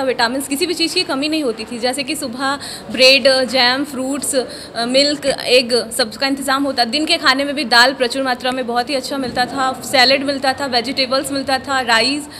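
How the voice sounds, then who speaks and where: A woman's voice: sits high, bright, forceful tone, a little hiss or hum. A woman recruit describes the details one by one into a handheld mic. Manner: detailed, listing. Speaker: police sub-inspector recruit. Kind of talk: interview answer.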